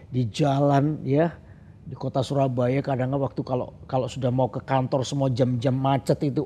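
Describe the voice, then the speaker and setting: Male pastor, gravelly and fairly high, animated humorous preaching. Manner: storytelling, animated, laughing at himself. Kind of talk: sermon with humorous personal story.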